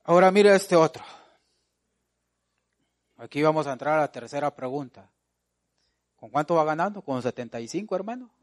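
A man preaching a sermon in a voice pitched somewhat high. He keeps firing rhetorical questions at the congregation. His delivery moves from loud, urgent exhortation to soft, stretched-out asides. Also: expressive. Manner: swings between loud exhortation and quiet, drawn-out asides.

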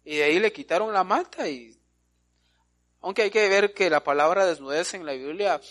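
A man's voice: high voice, normal speed, a bit bright. A male preacher, delivering an emphatic sermon and often addressing his listeners as brother.

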